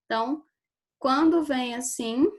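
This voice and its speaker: A woman teacher with a Brazilian Portuguese accent giving a recorded grammar review lesson, slowly stretching and stressing example words and checking in often with her listeners. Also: sits high.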